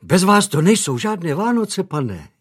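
A man voicing a talkative, eager young housemaid in an audiobook, his voice raised and a little husky. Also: high-pitched, big pitch swings, voice pushed up, heavily acted. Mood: fussing. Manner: fussing, talkative.

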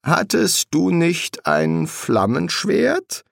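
A man's voice: fairly high pitch, wildly swooping pitch, very slow, gravelly, no echo, clean studio sound, pitched above the performer's own voice, exaggerated voice. A man voicing a sly, ironic male demon who needles his friend in an audiobook reading. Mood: probing.

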